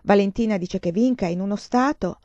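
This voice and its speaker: A worried young woman student, read by a woman with a mellow, darkish voice. She speaks urgently, in a dry and slightly dull recording. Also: medium pitch, brisk, no room sound, lightly acted.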